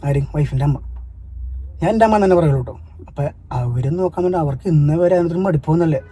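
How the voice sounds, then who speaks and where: A Malayali family vlogger speaks in a high, rapid voice with a dark, mellow tone. He tells a story earnestly, then turns sharp and scolding toward commenters. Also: slightly rough. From Kerala, India. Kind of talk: casual vlog talk to viewers.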